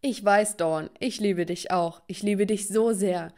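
A woman's voice: medium pitch, fairly even intonation, measured pace, warm tone, lightly acted. Woman voicing a teenage boyfriend. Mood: affectionate. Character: teenage boyfriend, shifting and evasive.

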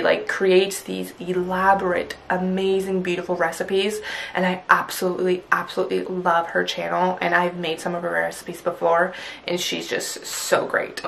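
Sitting in a small bedroom, a twentysomething vlogger who grew up speaking Punjabi gushes to camera in casual chat, saying "like" constantly. Her lowish voice is creaky yet fairly bright.

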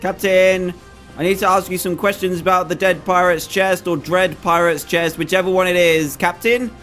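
A young man giving animated, excitable commentary while playing a video game. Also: sits high, normal speed, faint music behind. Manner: excitable, animated, jumpy exclamations. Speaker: gaming video host.

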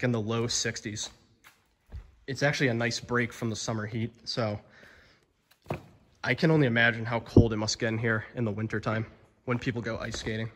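A young man talks into a phone held at arm's length as he wanders a cold, dark quarry cavern. His voice sits slightly low and rings with a long echo off the stone walls. He rambles casually, full of "you know" and "like", openly amazed. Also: slight background noise. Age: young adult. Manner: chatty, amazed, lots of fillers. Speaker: explorer vlogger. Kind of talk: casual exploring vlog.

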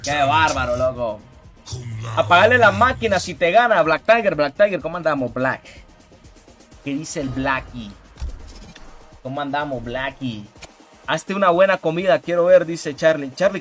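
This man talks in a bright, edgy voice pitched a little high. He chats loosely with viewers during a live gameplay stream, calling them by name and shouting when the action spikes. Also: normal speed, faint music behind. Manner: greets viewers by name, loose slangy banter, sudden excited shouts.

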